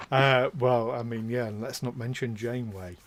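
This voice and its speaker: A man's voice: medium pitch, a bit bright. A man from northern England, hosting a tabletop game show in casual, joking chat and laughing often. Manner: chatty, laughs often, jokey asides. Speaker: game master and show host.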